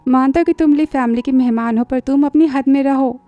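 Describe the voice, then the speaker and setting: A woman's voice: sits high, steady tone, a little fast, dry recording, lo-fi sound, faint music behind, lightly acted. A woman voicing a stern young male CEO. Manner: curt and scolding.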